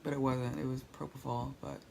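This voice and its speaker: A woman's voice: very deep voice, level tone, a little fast, gravelly, a little mellow, slight background noise. Woman weak and sore after surgery. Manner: rambling, candid, wry. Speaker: patient vlogger recovering from surgery. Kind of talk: casual personal video diary. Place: at home. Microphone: tablet held overhead while lying down.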